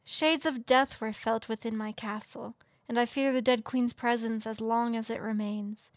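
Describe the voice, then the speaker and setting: A man's voice: extremely high pitch, steady tone, no echo, studio quality, voice pushed up. A man voicing a frail, dying fay queen, in a weak, solemn and formal voice. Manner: solemn, slow, formal speech. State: weak and faint. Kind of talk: audiobook character voice.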